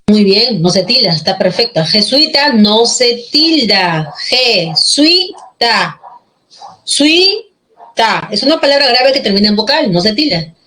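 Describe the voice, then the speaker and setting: A woman teacher with a Peruvian Spanish accent and a somewhat high voice. She explains step by step, patiently, and keeps checking that her students follow along. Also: a bit bright, poor audio. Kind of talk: online class on accent marks.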